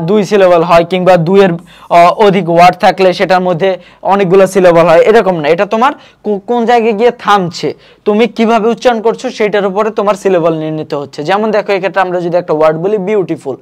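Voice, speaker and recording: বাংলাদেশি উচ্চারণের একজন পুরুষ টিউটর, যিনি ভর্তি পরীক্ষার জন্য ব্যাকরণ পড়ান, বারবার "ঠিক আছে?" জিজ্ঞেস করেন এবং শব্দ ভেঙে ধীরে উচ্চারণ করেন।. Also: male voice, high voice. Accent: Bangladeshi Bengali. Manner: explanatory, repeats checking phrases, spells out syllables slowly. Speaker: admission coaching tutor. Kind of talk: online grammar lesson.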